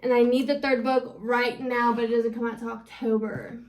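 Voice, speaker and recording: A woman's voice: a little high, flat delivery, moderate pace, darkish tone, no room sound, poor audio. A young woman in her twenties giving chatty, gushing reading updates in a casual vlog. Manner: gushing, chatty, lots of fillers. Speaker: book vlogger.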